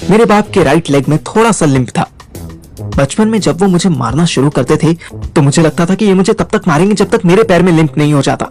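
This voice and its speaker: A man's voice: on the high side, a little mellow. Young man narrating a wry story. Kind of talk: first-person scripted story narration.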